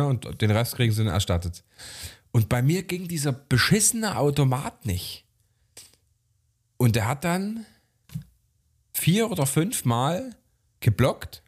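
A man's voice: a little high, husky. A young man on a podcast who tells a story in casual chat, acts out the dialogue and swears freely. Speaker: podcast co-host.

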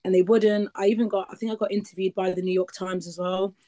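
A woman in her twenties from England's East Midlands chats as a guest in a casual interview, rambling and full of likes and ums. Her mid-range voice is dark in tone, level, and quick.

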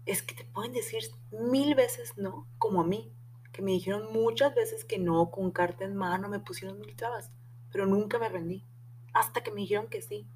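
Slight background noise sits behind this podcast host's mid-range, slightly mellow voice. She's a young woman with a Mexican accent, casually recounting something personal in slangy, talkative style, now and then swearing.

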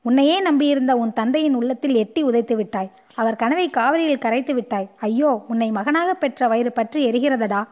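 A woman's voice: fairly high pitch, normal speed, dull audio, natural voice. A woman reading the lines of a proud, grieving queen mother in an audiobook story, delivered in a scolding, impassioned manner. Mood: reproachful.

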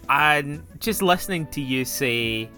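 A Scottish man with a Glasgow accent hosts a casual podcast chat. His voice is bright and a touch high, and he jokes, swears and trips over his own words. Faint music sits behind him. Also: lively intonation, slow pace. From Scotland. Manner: joking, swearing, stumbling over his intro. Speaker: podcast host.

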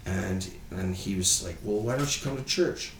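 A Canadian podcast co-host in his thirties rambles through a casual chat, tacking "right?" onto his sentences over and over. His voice sits low at a normal speed, and the rough recording is reverberant with a bit of hiss or hum.

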